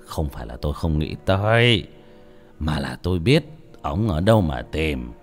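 A man voicing a resolute old exorcist who speaks in a grave, calm, resigned way, in an audiobook. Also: extremely low pitch, moderate pace, soft background music, voice pushed down, full character voice.

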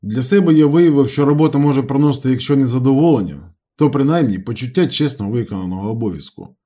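A man reading a novel aloud in calm, measured first-person narration. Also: medium pitch. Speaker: audiobook narrator.

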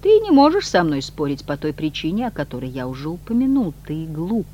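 A cold, imperious devil prince who speaks low and quietly, clipped and scornful, his pitch moving with lively contempt, as a reader puts him on. Faint hum under the reading. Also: fairly quick, lo-fi sound. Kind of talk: audiobook reading.

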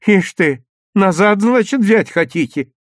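A fussy old grandmother grumbles and scolds in a high, lilting voice, put on by a male reader. Her folksy chiding swoops up and down, recorded close and dry like a storybook audiobook. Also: expressive, unhurried, dry recording. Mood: grumbling. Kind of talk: audiobook reading.

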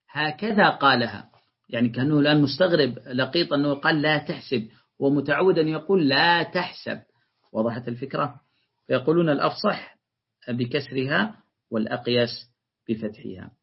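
A man's voice: fairly high pitch, quick pace, creaky, slightly rough. A man teaching a lesson on Quran interpretation, reading classical passages aloud and explaining them step by step while checking that his listeners follow. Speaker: teacher commenting on a tafsir text. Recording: dull lo-fi lecture recording.

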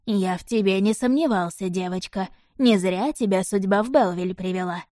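A woman voicing a creaky-voiced old god disguised as a stablehand, speaking in a sly, mocking, folksy way in an audiobook. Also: mid-range voice, normal speed, warm tone, no room sound, studio quality, close to an everyday voice.

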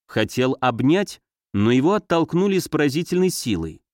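A man narrating a novel in a measured, steady reading. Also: a little high, dry recording, clean studio sound. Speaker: audiobook narrator.

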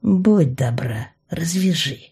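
A woman's voice: sits low, animated, slow, dark tone, husky, full character voice. A woman voicing a sly, mocking young male mage who drawls and teases. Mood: drawling. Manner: drawling, teasing.

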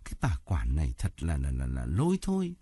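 A man's voice: rumbling low, wildly swooping pitch, fairly quick, warm tone, husky, dry recording, pitched below the performer's own voice, exaggerated voice. A man playing a flustered, stammering father. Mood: defensive, flustered. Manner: stammering, defensive. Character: flustered middle-aged father, evasive and stammering.

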